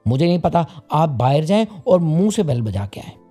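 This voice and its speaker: A man's voice: fairly high pitch, big pitch swings, mellow, faint music behind, pitched above the performer's own voice. A man voicing a bossy, quarrelsome female myna bird who argues with her mate. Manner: bossy, quick, teasing.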